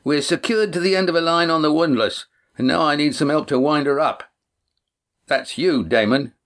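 A brisk young sailor, as the narrator puts him on, calling out in a raised, higher voice. He sounds practical and sure of what needs doing. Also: a bit bright. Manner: brisk, calling out across a distance.

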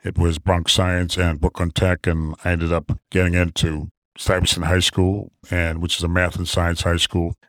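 A deep-voiced middle-aged man talks about his background in a measured, reflective way. He keeps his tone steady and flat, pausing with fillers. The sound is dry and close. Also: no room sound. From New York City, Queens. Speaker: guest, trauma surgeon. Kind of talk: interview conversation.

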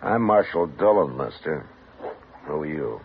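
A man playing a calm, commanding frontier marshal who gives firm, clipped orders, in 1950s radio drama style. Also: very deep voice, unhurried, slight background noise, heavily acted. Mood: stern. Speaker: town marshal. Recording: tinny lo-fi old radio broadcast.

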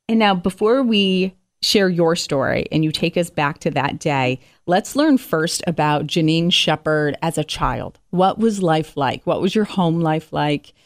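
A woman's voice: deep voice, animated, a little slow, hardly any pauses, no echo. Lady podcast host, bouncy sing-song intro voice, dry close sound. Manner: enthusiastic, upbeat introductions. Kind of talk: casual interview chat.

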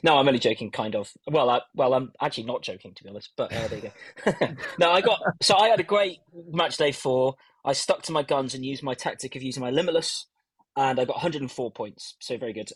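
A man hosting a casual fantasy football podcast with bantering, self-mocking chat, heard in low quality stream audio from a stand-in mic. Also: expressive, a little fast, husky, no room sound. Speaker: host of a fantasy football show. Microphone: stand-in mic, not his usual one.

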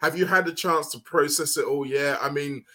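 A man's voice: on the high side, normal speed, pushed and bright. A man hosting a podcast and asking a guest friendly, chatty questions. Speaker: podcast host. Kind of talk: interview.

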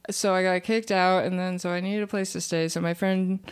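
Smooth-voiced young woman rambling a story. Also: fairly low pitch, fairly even intonation, brisk. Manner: rambling storyteller, lots of fillers and restarts, laughs while telling. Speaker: guest comedian. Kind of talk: casual podcast chat.

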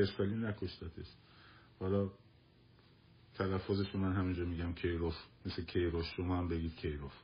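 A man's voice: lowish voice, highs cut off. A man hosting a live talk stream, answering listeners in a casual, argumentative way and repeating points for emphasis. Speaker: livestream host.

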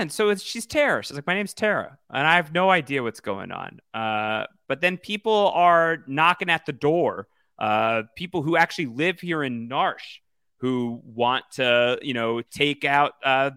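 A man talking casually on a podcast, his voice bright and smooth. The sound is dry and close, with no room around him. He rambles a little, full of fillers, and livens up when he acts out lines. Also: medium pitch, moderate pace, no echo. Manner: chatty, many fillers, animated when quoting. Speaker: podcast co-host. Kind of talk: casual podcast chat about a video game.

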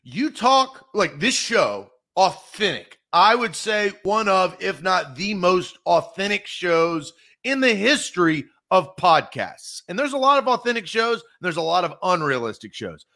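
A man co-hosting a casual sports talk podcast, animated and rambling with lots of "like". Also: high-pitched, measured pace. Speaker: podcast co-host.

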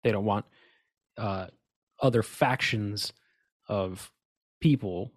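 A man with a fairly low voice co-hosts a casual podcast about conspiracies, speaking slowly in a rambling, emphatic way with many restarts and asides. He has the hiccups, and the recording is dry with clean studio sound.

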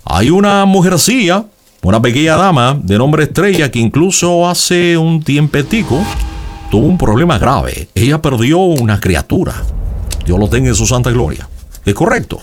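A man's voice: a little high, big pitch swings, moderate pace. A man playing a theatrical TV psychic. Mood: dramatic. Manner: dramatic, sing-song, leading questions. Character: theatrical male psychic reading cards and shells. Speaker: fortune teller on a call-in. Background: background music.

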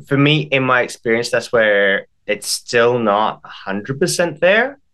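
A man speaking as an interview guest, explaining in a measured, step-by-step way with some restarts. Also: medium pitch, lively intonation, a bit bright, smooth. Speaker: guest, IT expert.

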